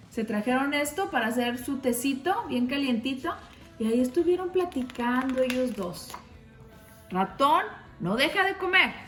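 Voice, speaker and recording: A woman reading a picture book aloud to children, gently pointing them to the pictures. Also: high-pitched. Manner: gentle, addresses kids, shows pictures. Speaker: storybook reader. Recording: roomy with faint music.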